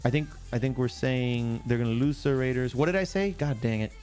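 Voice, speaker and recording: A man's voice: medium pitch, a little fast, darkish tone, faint music behind. A man hosting a casual live sports stream, chatting and joking with viewers and reading chat aloud. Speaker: livestream sports show host.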